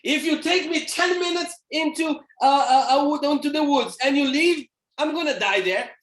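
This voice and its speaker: A man from Brazil with a Brazilian Portuguese accent, giving an animated, playful church lecture as a theologian. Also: extremely high pitch, moderate pace. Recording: echoey church hall.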